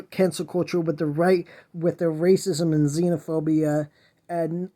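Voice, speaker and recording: A high-pitched, warm male voice belongs to a podcast host giving an impassioned solo monologue. His tone is whiny, earnest and preachy as he pleads with listeners.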